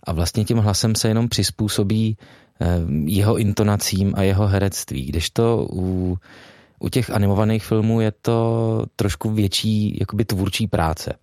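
A man's voice: lowish voice, darkish tone, dry recording, studio quality. A man, a voice actor being interviewed, speaking hesitantly with many fillers and restarts. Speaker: voice actor guest. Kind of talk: interview chat.

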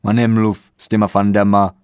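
A man's voice: lowish voice, completely flat delivery, a little mellow, clean tone, no echo, studio quality, close to an everyday voice. A man voicing a sly, mocking older male football fan, a father teasing a rival in a read-aloud comic story. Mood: mock-feeble. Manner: mock-feeble, mocking.

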